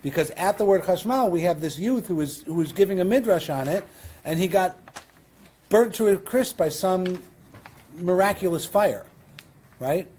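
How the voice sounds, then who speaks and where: A man's voice: high voice, animated, moderate pace, dark tone, slight background noise. A man with a Western New York accent teaching a Talmud class as rabbi, explaining in a conversational way with questions and asides. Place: synagogue classroom.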